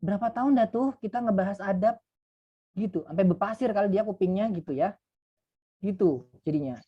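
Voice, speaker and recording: A man's voice: high voice, brisk, muffled recording. A man in his thirties, a youth mentor, giving a casual, chatty online talk full of fillers and asides. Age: 30s.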